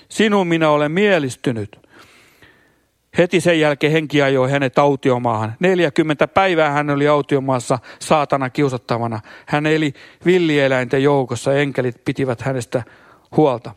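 A man's voice: fairly high pitch, dry recording, clean studio sound. A man reading scripture aloud as a preacher, with occasional stumbles and hallelujahs slipped in between verses. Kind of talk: scripture reading with spontaneous comments.

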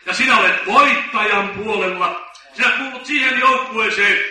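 Guy preaching a sermon, slow and emphatic, really bright sharp voice, far from the mic in a big echoey hall. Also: sits high. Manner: slow, emphatic preaching with dramatic story-telling.

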